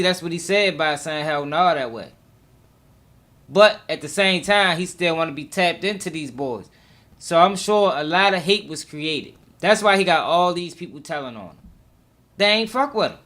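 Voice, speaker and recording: Male commentator, high-pitched, emphatic and slangy, hammers points by repeating them. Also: fairly bright tone. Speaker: recap commentator. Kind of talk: informal commentary.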